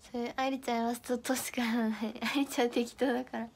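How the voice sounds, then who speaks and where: A woman's voice: fairly high pitch, flat delivery, fast, vocal fry, slight background noise. A young woman from northeastern Japan chatting casually on a livestream, reading viewer comments, giggling and fumbling through tongue twisters. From Miyagi, Japan. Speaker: idol livestream host.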